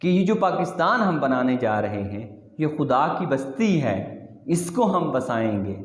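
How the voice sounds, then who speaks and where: A man's voice: medium pitch, big pitch swings, measured pace. A man hosting his own channel, reciting a patriotic poem and explaining it line by line with emphatic rhetorical questions. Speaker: YouTube channel host. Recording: echoey room with long reverb.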